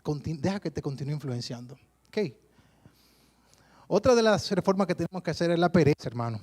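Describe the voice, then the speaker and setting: Standing before his congregation at a church service, a preacher from the Dominican Republic delivers a sermon in a Dominican Spanish accent. He speaks briskly and fairly high, spinning lively stories and addressing everyone as "brother" again and again.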